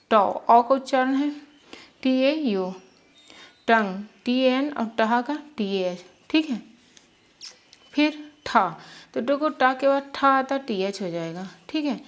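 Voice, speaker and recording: Woman teacher going thru syllables real slow, patient, keeps checking you got it. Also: fairly high pitch. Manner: patient, repeats syllables slowly, checks with "theek hai". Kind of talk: spelling lesson for beginners.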